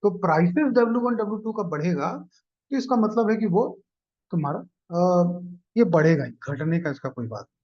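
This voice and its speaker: A man's voice: high-pitched, expressive, normal speed. A man teaching exam-prep economics math, explaining each step and checking in with students. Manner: explains step by step, often asks "clear?" and "ठीक है". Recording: dull lo-fi recording.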